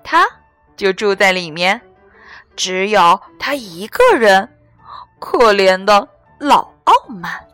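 A woman reads a children's story aloud, slow and unhurried, her pitch rising and falling with lots of expression. The sound is close and dry, with soft music playing faintly underneath. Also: no echo. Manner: gentle and expressive.

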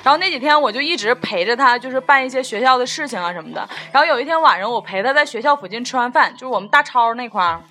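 A woman's voice: on the high side, animated, fast, few pauses, pushed and bright. A young woman hosting a casual group chat, telling stories animatedly and laughing often.

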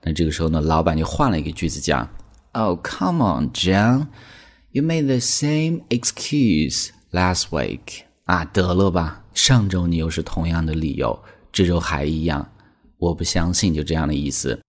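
A man with an extremely low voice explains English in a chatty lesson, his intonation fairly even and his pace fairly quick. He fills his talk with small connecting words, especially frequent "那么" fillers.

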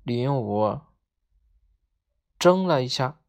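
A woman narrating a children's story in a gentle, measured way. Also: very deep voice, lively intonation.

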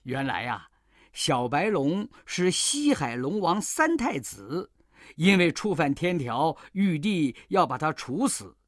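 Lively, expressive children's storyteller. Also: mid-range voice, takes it slowly, no echo, studio quality. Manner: lively, expressive, sound effects.

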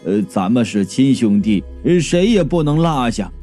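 A man doing a slow, earnest ghost brother. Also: medium pitch, big pitch swings, dark tone, soft background music, pitched below the performer's own voice. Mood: earnest, pleading. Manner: slow, earnest, hesitant with many "uh"s. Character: ghost of a grown man, a devoted older brother.

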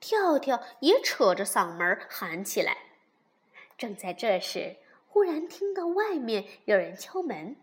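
A woman narrating a children's story in a lively, expressive, unhurried way. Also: fairly high pitch.

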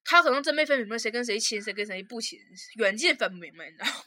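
A woman's voice: fairly high pitch, lively intonation, rapid-fire, bright, forceful tone. A young woman with a Northeastern Mandarin accent, hosting a casual storytelling chat in a blunt, profane way, laughing often as she tells it. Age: young adult. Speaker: podcast host.

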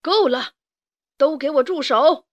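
A woman's voice: on the high side, lively intonation, unhurried, fairly bright tone, no echo, highs cut off. Woman doing a stern father rooster. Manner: firm, commanding.

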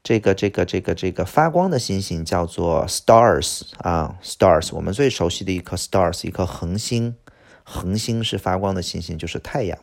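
Gravelly man teaching English words. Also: low voice, lively intonation. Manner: lots of "这个" filler, drawn-out slow repeats of words. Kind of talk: vocabulary lesson.

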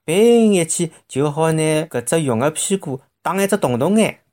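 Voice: medium pitch, lively intonation, moderate pace, warm tone. A storyteller with a Shanghainese accent narrating a children's story expressively, with vivid sound words.

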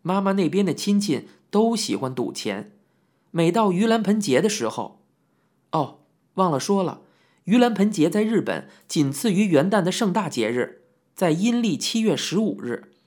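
Audiobook narrator, first-person memoir storytelling, husky voice, lively animated pitch, reminiscing with asides. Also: moderate pace.

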